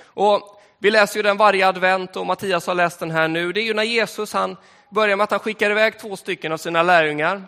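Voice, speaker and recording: A man with a high, bright voice preaches in a church, easy and conversational, with frequent fillers. His voice rings out in a hall with a long reverb. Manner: conversational, relaxed storytelling with fillers. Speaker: pastor. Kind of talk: sermon.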